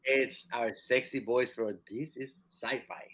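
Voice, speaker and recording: A man's voice: medium pitch, steady tone, slow, a bit bright. A man co-hosting a podcast in loose, joking casual chat. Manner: playful, joking, trails off into slang. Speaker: podcast co-host.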